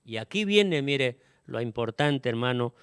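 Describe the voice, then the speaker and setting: A man preaching a sermon to his congregation, often tagging his phrases with a questioning "¿no?" and filling pauses with "este". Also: medium pitch, lively intonation, a bit bright, smooth, dry recording, clean studio sound.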